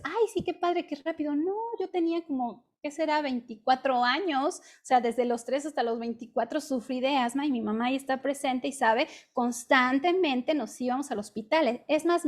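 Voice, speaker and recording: High-voiced Mexican woman preaching. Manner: conversational, with frequent "¿sí?" check-ins and "este" fillers. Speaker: women's ministry speaker. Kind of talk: devotional preaching.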